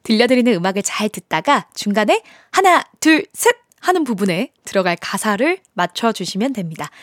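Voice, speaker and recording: A woman hosting a radio music quiz in an animated game show host manner, sometimes turning sing-song. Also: medium pitch, a little fast, no echo, clean studio sound.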